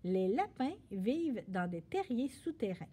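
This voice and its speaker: A woman voicing a sensible, patient big sister in a storybook reading, calm and a little weary. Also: on the high side, unhurried, breathy edge, full character voice. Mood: reading aloud.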